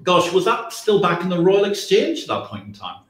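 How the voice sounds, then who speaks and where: A middle-aged man hosts a livestream in a fairly high, very animated voice. His delivery is theatrical and effusive, with long flowing sentences, and the room sounds echoey. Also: normal speed. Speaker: livestream host. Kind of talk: presenting a finance livestream. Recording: roomy echo.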